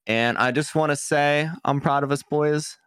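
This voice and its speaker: A man's voice: fairly high pitch, fairly even intonation, normal speed, a bit bright, smooth, no room sound, studio quality. A man co-hosting a casual podcast, talking like a slangy, sweary fan. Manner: slangy, profane, filler-heavy fan talk. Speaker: podcast co-host.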